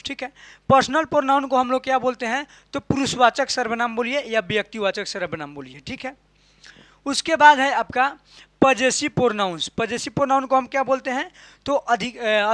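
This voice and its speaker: High-voiced man teaching grammar, dry sound. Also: no room sound. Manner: asks and answers his own questions, repeats key terms; ends points with a soft "ठीक है". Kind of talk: classroom lesson explaining in Hindi.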